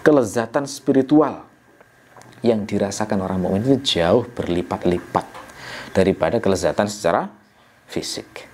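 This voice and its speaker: A man teaching the meaning of a scripture passage in a relaxed, conversational way. He poses rhetorical questions and answers them himself. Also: lowish voice, normal speed, a little hiss or hum. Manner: conversational, frequent "ya" and "nah" fillers. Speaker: Quran exegesis teacher. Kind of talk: explanatory religious lecture.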